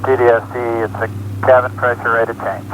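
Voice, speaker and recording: A man's voice: mid-range voice, little pitch movement, fairly quick, muffled recording, slight background noise. A man working as a launch controller, talking in terse, procedural radio loop exchanges. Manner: clipped, procedural.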